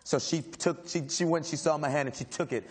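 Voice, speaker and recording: A man on a panel telling a casual story to an audience. He talks haltingly, with many fillers and restarts, and laughs often. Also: a little high, husky. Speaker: actor on a panel. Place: stage before a live audience.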